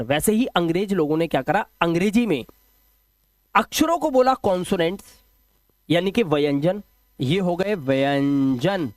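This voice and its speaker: A man's voice: sits high, no echo. A man teaching a video lesson, who asks his viewers questions and answers them himself. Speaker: English teacher. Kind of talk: classroom-style video lesson.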